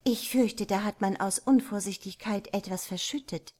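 A woman's voice: medium pitch, normal speed, a little mellow, close to an everyday voice. A woman reading the part of a genteel American lady who is fussy and easily shocked. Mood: fussy, dismayed. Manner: fussy, exclaiming.

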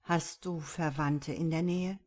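A calm male police officer with a low, plain, measured voice, read by a woman telling a storybook. He speaks evenly and carefully.

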